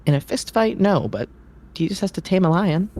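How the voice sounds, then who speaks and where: A man's voice: sits high, expressive, normal speed, a little mellow, pitched above the performer's own voice. A man voicing a teasing, confident female circus performer who makes a bet. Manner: teasing, wagering.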